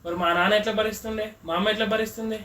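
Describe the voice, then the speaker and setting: A man, arguing fast and exasperated with his wife at home, pleading and pushing back. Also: high-pitched, fairly even intonation, loud music behind the voice. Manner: pleading and exasperated, keeps calling for his mother-in-law. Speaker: vlogger husband being pranked. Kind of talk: heated domestic argument. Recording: roomy, distant mic with background noise.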